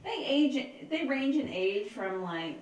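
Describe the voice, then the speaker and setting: A woman's voice: high-pitched, very animated, slow pace, dull audio. A woman narrating as game master in a chatty, laughing way with many fillers. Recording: echoey room, distant mic, faint ambience.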